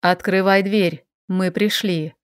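A woman voicing a calm, dry-witted male vampire advisor who speaks evenly and unhurriedly in an audiobook. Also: medium pitch, clean tone, no echo, lightly acted. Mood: calm teasing. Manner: even, unhurried, teasing.

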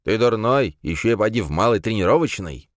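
A man's voice: lowish voice, animated, brisk, no room sound, studio quality, voice pushed up, lightly acted. A man voicing a grumbling, skeptical middle-aged professor of artifacts in an audiobook.

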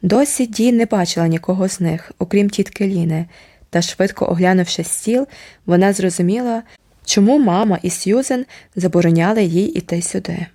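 A woman narrating an audiobook of a novel in a steady, even storytelling manner. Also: medium pitch, a little fast.

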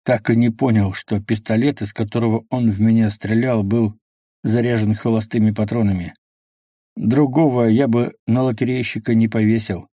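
A man voicing a weary, calm male survivor who speaks slowly and quietly. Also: on the low side, no room sound, studio quality, close to an everyday voice. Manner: slow, subdued.

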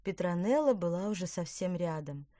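A woman narrating a children's storybook aloud in an animated, expressive way. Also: on the low side, normal speed, no room sound, studio quality. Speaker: audiobook narrator.

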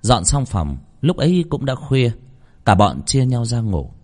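A man narrating a horror story in a dramatic, lively storytelling manner. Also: mid-range voice, unhurried, faint music behind.

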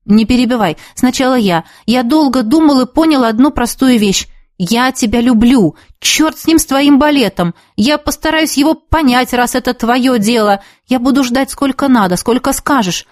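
An earnest young man in love who talks quickly and with intense focus, voiced by a woman reading a story. The voice stays raised above the reader's usual pitch, and the sound is close and dry. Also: no room sound, lightly acted. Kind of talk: audiobook character reading.

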